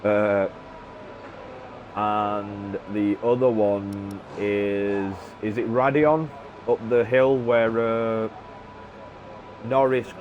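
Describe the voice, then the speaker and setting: A man's voice: lowish voice, extremely slow, pauses often, narrow, tinny audio. A man chatting casually as a gaming streamer during a racing game, rambling with many filler sounds. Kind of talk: casual chat while playing a racing game. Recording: steady background noise.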